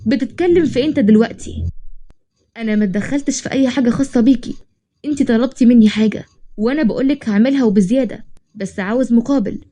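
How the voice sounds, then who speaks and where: A woman voicing a confident, teasing young male boss, speaking with an Egyptian accent in a quick, storybook reading. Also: fairly high pitch, dark tone, close to an everyday voice. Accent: Egyptian Arabic. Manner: bargaining, teasing, then commanding.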